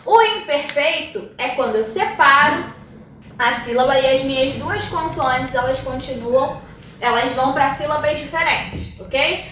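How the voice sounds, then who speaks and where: Brazilian lady teacher explaining step by step, high voice, heavy room echo, mic far away. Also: measured pace, a bit bright, a little hiss or hum. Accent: Brazilian Portuguese. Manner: explanatory, checks in with tags like "tá?" and "ok?". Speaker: Portuguese teacher. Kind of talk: classroom lesson.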